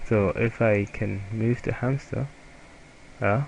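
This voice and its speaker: A young man with a German accent, a German native speaker, giving a halting, self-correcting software tutorial over a screen recording. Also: fairly low pitch, steady tone, vocal fry, slight background noise, rough recording. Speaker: student presenter.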